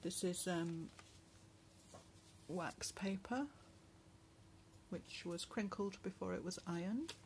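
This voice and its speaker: Filmed by a phone mounted over a table at home, a woman shows off a handmade journal, narrating casually in a soft, lowish voice that's going hoarse. She pauses often, fills gaps with "um," and clears her throat, while a faint hum sits in the background.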